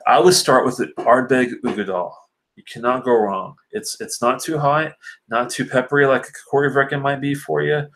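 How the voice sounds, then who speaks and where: This whisky reviewer hosts a casual live stream in a mid-range, fairly bright voice with fairly even intonation at normal speed. He reads and responds to viewer comments in a rambling, filler-laden manner, sounding stuffy and sinusy because of allergies.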